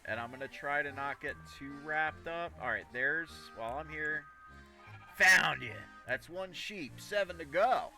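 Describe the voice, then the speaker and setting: Man streaming a game over clear background music. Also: on the high side, unhurried, sharp tone. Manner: rambling, talks to himself while playing. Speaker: gaming streamer. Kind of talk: casual live game commentary.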